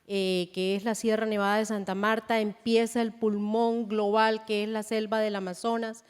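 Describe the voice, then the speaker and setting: A Colombian woman speaking at a conference panel, measured and deliberate with frequent hesitations. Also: medium pitch, flat delivery, smooth. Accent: Colombian Spanish. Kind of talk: conference presentation. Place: large conference hall. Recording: long hall reverb.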